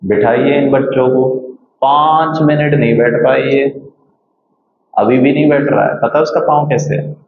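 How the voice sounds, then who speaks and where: A man giving a spiritual talk to a live audience, slow and playful, acting out scolding mothers and children. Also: medium pitch, fairly even intonation, a little hiss or hum. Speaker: spiritual speaker. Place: meditation center hall. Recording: echoey hall, slightly dull sound.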